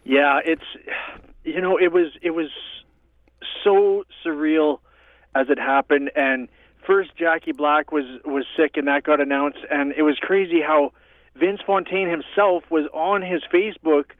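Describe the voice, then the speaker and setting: A man's voice: a little high, steady tone, measured pace, no echo. A man speaking as a guest musician and producer, giving easygoing, rambling explanations in a casual interview. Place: home in northern Canada. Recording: tinny dry phone-like line.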